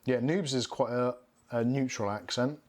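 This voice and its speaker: This live stream host, a man in his thirties with a Bristolian accent from southwest England, reads viewer comments aloud and answers them in a chatty way. He speaks at normal speed in a mid-range, slightly mellow voice, from a home studio room with shelves and neon signs.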